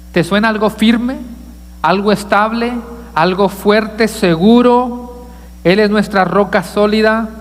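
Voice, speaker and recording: A male pastor with a high voice preaches in a church sanctuary, his words carrying a big-room sound. He asks the congregation questions and jokes with them.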